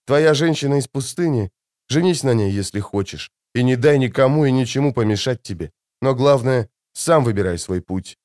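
Man voicing noble mother, gentle, soothing, remorseful, soft-spoken, close dry sound, audiobook. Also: mid-range voice, lively intonation, moderate pace, dry recording, lightly acted.

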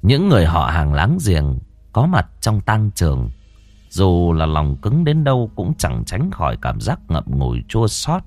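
A man's voice: low voice, huge pitch swings, unhurried, dry recording. A man narrating a scripted audiobook in a solemn, dramatic storytelling manner. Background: soft background music.

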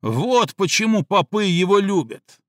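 A man voicing an angry, scheming male gang rival who shouts his accusations. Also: sits high, very animated, measured pace, dry recording, studio quality, pitched above the performer's own voice. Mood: shouting. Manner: loud, shouting.

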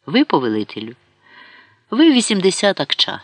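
A witty court poet, unhurried and cheeky, delivers his replies with quiet boldness, as a male audiobook narrator puts him on. Dry, close sound with no room echo. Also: medium pitch, sing-song, creaky. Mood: flattering.

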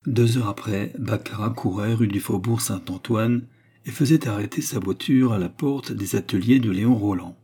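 A man reading a classic novel aloud as an audiobook narrator, in a measured, steady manner. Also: lowish voice, slightly rough.

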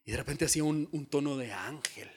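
A male pastor preaching a sermon in a dramatic style, dropping to a hush and then rising to shouts. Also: on the high side, steady tone, very fast. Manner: dramatic, acts out quoted voices, swings from hushed to shouted.

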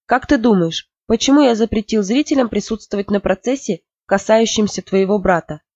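Narrator voicing a stern shouting father. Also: mid-range voice, normal speed, natural voice. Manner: shouting, harsh and forbidding. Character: stern angry father, middle-aged man. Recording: dull lo-fi, dry.

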